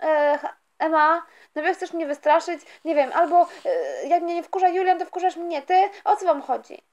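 A woman's voice: extremely high pitch, moderate pace, darkish tone. A woman voicing an easily irritated schoolgirl who complains in a flustered way in a toy story voice-over. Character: startled schoolgirl, easily irritated older sister.

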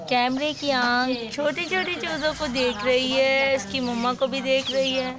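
Filmed by phone outdoors at home, a young woman demonstrates a home recipe in a chatty, casual way, explaining each step and often offering religious blessings. She speaks high, steady and unhurried, with a crowd audible behind her.

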